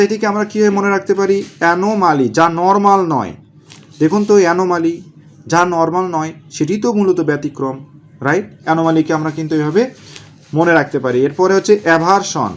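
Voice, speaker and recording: A man teaching exam vocabulary, asking questions and answering them himself, repeating key words slowly. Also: high voice, a little hiss or hum. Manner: asks and answers his own questions, drills words slowly. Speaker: exam prep tutor. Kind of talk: vocabulary lesson.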